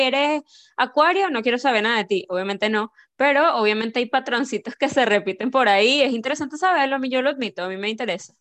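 A woman co-hosting a podcast, emphatic and insistent on making her point. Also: a little high. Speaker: podcast co-host. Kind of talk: casual chat.

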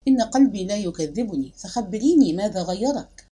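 A woman's voice: medium pitch, animated, a little fast, dark tone, husky. A woman voicing an anxious young husband who pleads earnestly with his wife. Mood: pleading.

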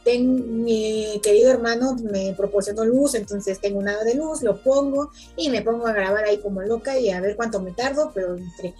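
A young woman hosts a relaxed podcast conversation, chatty and quick to laugh. Her voice is husky and mellow, sitting a bit high for a woman, with soft music faintly underneath. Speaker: podcast host. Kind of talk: casual podcast chat.

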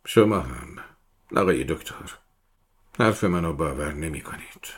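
A man's voice: a bass voice, expressive, husky, heavily acted. A man voicing a frightened middle-aged male peddler who murmurs his pleas in a half-whisper. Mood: whispered pleading.

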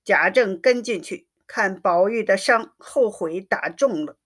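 A woman narrating a classic novel in a slow, measured storytelling reading. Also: mid-range voice.

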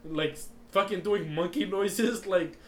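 A man's voice: high voice, slow. A young man co-hosting a casual podcast, telling rambling, laugh-filled stories full of "like" and "right?". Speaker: podcast co-host. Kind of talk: casual storytelling chat.

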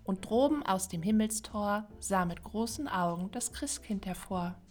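A woman podcast host reciting a classic Christmas poem in a measured, rhythmic way. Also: medium pitch, lively intonation.

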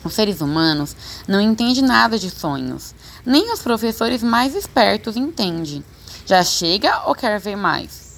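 A woman reading an audiobook voices a big, kindly old giant who speaks slowly and solemnly. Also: mid-range voice, very animated, vocal fry, a little hiss or hum. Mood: musing.

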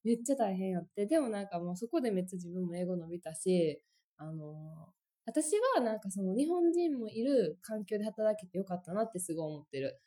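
Young woman w/ kansai accent, chatty storyteller, fast and bouncy, kinda mellow tone. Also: medium pitch. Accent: Kansai Japanese. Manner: lively storyteller, acts out quoted lines. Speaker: podcast co-host. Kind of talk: casual chat.

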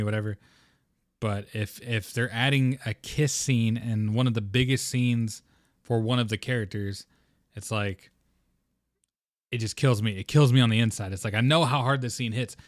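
A man's voice: fairly low pitch, dry recording, studio quality. A man hosting a podcast, talking casually and passionately in a rambling way. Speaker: podcast host.

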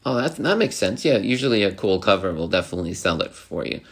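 This is a young man in a casual podcast chat who talks in loose, halting bursts. He circles back and restarts his thoughts often, and he gets animated when he slips into imitating other people. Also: low-pitched, slightly rough. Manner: rambling and halting, full of restarts and fillers.

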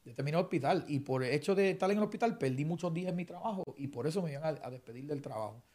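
Young preacher, high-ish voice, rapid animated testimony. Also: male voice. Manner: fast, animated storytelling, acts out dialogue. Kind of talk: conversational testimony.

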